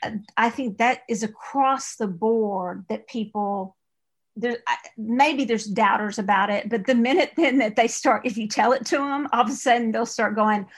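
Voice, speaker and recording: Chatty East Texas woman, slightly high voice. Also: normal speed. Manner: chatty and rambling, with many restarts and laughs. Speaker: podcast guest, author and crystal store owner. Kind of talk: casual interview chat.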